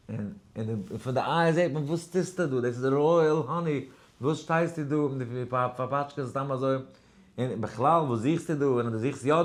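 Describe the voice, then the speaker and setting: Rambling rabbi with many fillers. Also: male voice, on the low side. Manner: mixes in English words; chants verses in a sing-song. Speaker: rabbi giving a daily class. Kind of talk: Torah lecture in story form.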